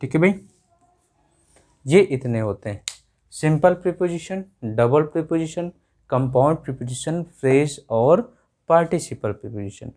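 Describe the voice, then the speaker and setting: A man's voice: fairly high pitch, lively intonation, a little slow, long pauses, mellow. A male explaining grammar in a classroom lesson, repeating each point back as a question to his students. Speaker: English teacher.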